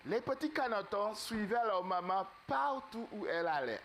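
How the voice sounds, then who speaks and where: A man preaching in a church, telling a fable to the congregation in an animated, halting way and quizzing them. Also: high-pitched. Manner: animated, asks the congregation questions; halting, many fillers. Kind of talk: sermon storytelling.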